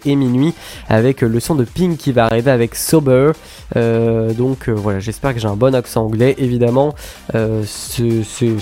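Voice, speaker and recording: Mellow-voiced chatty male radio host. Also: mid-range voice. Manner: chatty, hesitant, many fillers and restarts. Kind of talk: casual on-air chat. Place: radio studio.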